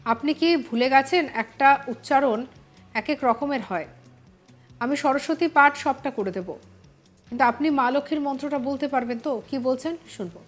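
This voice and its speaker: A woman reporter reading a scripted news voice-over in a brisk, even manner. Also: high voice. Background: faint music.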